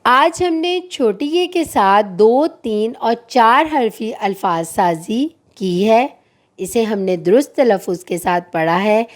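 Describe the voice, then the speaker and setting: A woman teacher giving a phonics lesson for young children, sounding out each word slowly and clearly so they can repeat after her. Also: fairly high pitch, expressive.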